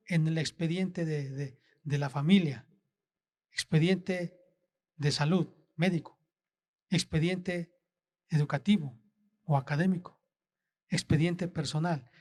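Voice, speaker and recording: Slow-preaching pastor, man. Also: fairly high pitch, darkish tone. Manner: slow, deliberate preaching with rhetorical questions. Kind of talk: sermon.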